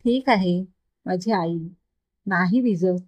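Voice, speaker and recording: A woman voicing a carefree young man who teases in a relaxed, mild way, in a storybook reading. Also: on the low side, slow pace, lo-fi sound. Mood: teasing.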